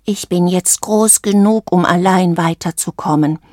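A woman reading a storybook aloud, voicing a gentle young female stork with a slow, soft, plaintive manner. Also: fairly low pitch, no room sound, clean studio sound, lightly acted.

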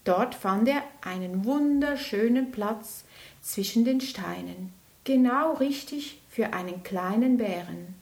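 A woman reading a bedtime story aloud in a gentle, unhurried way. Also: mid-range voice, lively intonation.

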